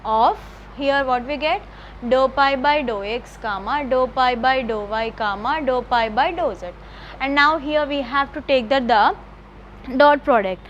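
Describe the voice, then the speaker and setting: A woman college math lecturer, dictating notes slowly and repeating phrases, often checking with the class. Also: sits high, a bit bright, lo-fi sound, a little hiss or hum. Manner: repetitive, slow dictation with checking questions.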